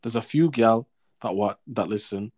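A man's voice: on the low side, moderate pace, darkish tone. A young man with a London roadman accent, chatting casually and protesting in slangy, repetitive bursts. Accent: London, urban roadman slang style. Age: young adult. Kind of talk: casual banter chat.

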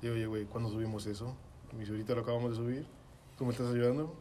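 A man's voice: mid-range voice, level tone, rapid-fire, slight background noise. A young man with a Mexican accent telling a story to friends in casual, slangy chat full of swearing. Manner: slangy, swearing, acts out his own shouting in quotes.

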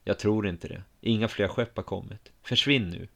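A grave, curt farmer man who is the narrator's weary older brother, heard in a spoken storybook reading. His voice sits fairly low, as the storyteller puts him on, and he talks in short, serious lines. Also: creaky, a bit bright. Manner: grave and curt, turning sad.

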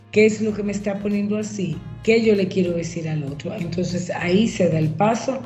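A woman counselor explaining ideas at a measured pace and posing reflective questions, as a guest on a show. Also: medium pitch, warm tone. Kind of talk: advice talk on a show. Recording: roomy, slightly dull sound.

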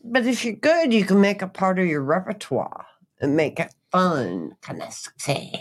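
A woman's voice: fairly low pitch, sing-song, moderate pace. A woman co-hosting a podcast, chatting in a playful, teasing way. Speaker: podcast co-host. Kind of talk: casual chat.

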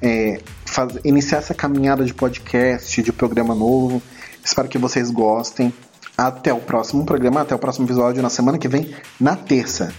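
A Brazilian man speaks as a podcast host over background music. His voice is hoarse and strained by throat trouble, sitting at a medium pitch. He talks casually and a bit haltingly, addressing his audience directly. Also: steady tone, a little mellow. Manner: informal, hesitant, addressing listeners directly. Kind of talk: casual solo film review podcast talk.

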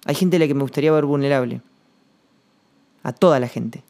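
A man with a Rioplatense Spanish accent hosting a reflective solo podcast monologue, rambling and slangy, thinking aloud with pauses. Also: mid-range voice, creaky, a little mellow. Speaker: podcast host.

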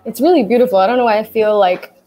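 A woman's voice: on the high side, quick pace, mellow, faint music behind. A woman interviewing a guest in casual conversation, giving brief, encouraging reactions.

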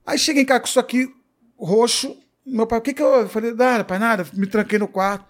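A Brazilian man with a high voice tells a story in a relaxed interview. He swears freely and acts out the lines of the people in his tale, with lots of life in his delivery. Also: quick pace. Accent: Brazilian Portuguese. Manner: profane, animated storyteller acting out quoted dialogue. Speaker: comedian guest.

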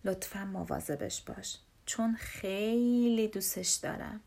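A woman voicing a young, proud, quick-tempered big brother bear in a storybook reading. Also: medium pitch, vocal fry. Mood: playful. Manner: shouts, then turns gentle.

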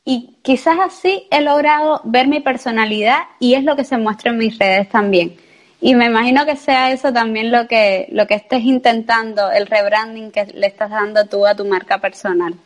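A woman's voice: on the high side, moderate pace. A woman in her forties hosts a podcast interview and talks in a candid, conversational way. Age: 40s. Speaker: podcast host.

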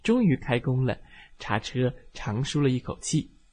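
A man telling a bedtime story to children, lively and expressive as he narrates. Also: medium pitch, unhurried.

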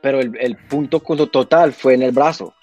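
Young Colombian man, relaxed guest. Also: medium pitch, normal speed, lo-fi sound, soft background music. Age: 20s. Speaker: guest, fighter. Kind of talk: casual interview.

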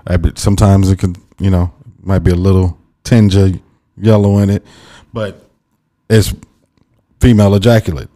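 A man's voice: low voice, level tone, moderate pace, mellow. A man co-hosting a live podcast, asking curious, disbelieving questions in a casual way. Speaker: podcast co-host.

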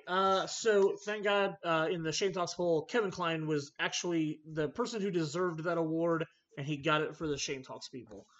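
An animated man hosts a casual movie chat, ranting with energy. His pitch jumps around as he argues his points. The recording is a little dull and lo-fi. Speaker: podcast host. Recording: slightly dull lo-fi audio.

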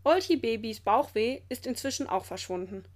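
A woman reading a children's storybook aloud in a lively, clear storytelling manner. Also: on the high side, moderate pace. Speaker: storybook reader.

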